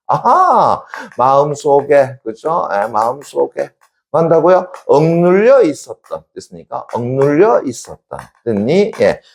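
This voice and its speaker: Animated call-and-response male teacher. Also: a little high. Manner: call-and-response, keeps asking "됐니?" and answering himself; emphatic, shouts out examples. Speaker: exam prep Korean teacher. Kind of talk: classroom lecture.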